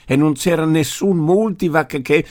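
A man voicing a gruff indignant grandfather. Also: on the high side, a little slow, pitched above the performer's own voice, natural voice. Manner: forceful, indignant, declaiming. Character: gruff old grandfather, stubborn and nostalgic. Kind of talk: audiobook character voice.

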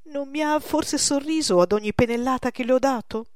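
A woman's voice: sits high, normal speed, no room sound, studio quality, pitched above the performer's own voice, lightly acted. A woman voicing an old male master painter, exclaiming with passion. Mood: anguished. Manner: exclaiming, impassioned.

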